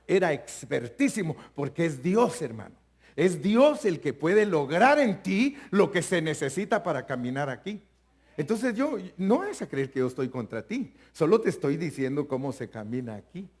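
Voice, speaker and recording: An older man preaches from the pulpit of a church, his fairly high voice leaping up and down with lively intonation. He keeps calling his congregation brother and sometimes rises to a shout. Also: breathy edge. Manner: animated preaching, constantly addressing listeners as brother, bursts into shouting. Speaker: pastor. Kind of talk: live church sermon. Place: church sanctuary.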